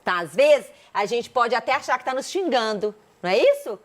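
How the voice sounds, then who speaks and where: A Brazilian woman teacher giving a recorded school lesson, animated and asking the students many rhetorical questions. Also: a little high, a little fast.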